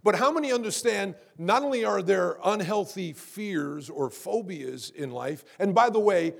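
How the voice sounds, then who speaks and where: The voice of this male pastor is creaky and unhurried, with lively intonation. Preaching to his congregation, he keeps asking how many of them know and repeats words to build up. He grows louder and higher as he drives his message home.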